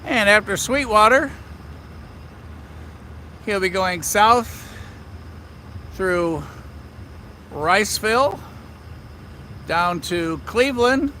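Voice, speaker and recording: A man's voice: sits high, lively intonation, drawn-out words, long pauses, pushed and bright, slight background noise. A man hosting a live stream from trackside outdoors at night, chatting upbeat and straight to his viewers. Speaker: railfan livestream host. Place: outdoors trackside in a small town downtown at night.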